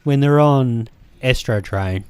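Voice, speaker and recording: A man's voice: medium pitch, slow, smooth, no room sound. A man with a New Zealand accent, hosting a let's play and rambling hesitantly between game moments, with plenty of ums and restarts. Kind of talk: casual gameplay commentary.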